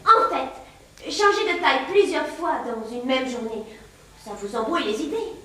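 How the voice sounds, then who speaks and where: A woman's voice: sits high, lively intonation, measured pace, pushed and bright, slight background noise, heavily acted. Woman playing a polite puzzled little girl. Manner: polite, earnest, easily flustered. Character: polite bewildered young girl Alice. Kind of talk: children's stage play. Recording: echoey stage from far off.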